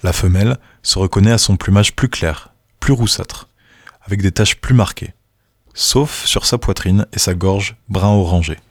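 A man reading scripted nature documentary narration in a measured, informative manner, with a husky voice. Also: low voice, dry recording, clean studio sound.

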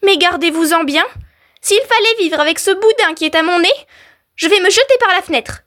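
Casting: a woman playing a shrill, melodramatic peasant wife in a radio folk tale. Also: lively intonation, normal speed. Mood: pleading. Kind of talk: storytelling for radio.

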